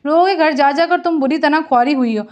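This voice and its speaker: Woman storyteller, Pakistani Urdu accent, high voice, lively novel reading with voiced dialogue. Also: fast.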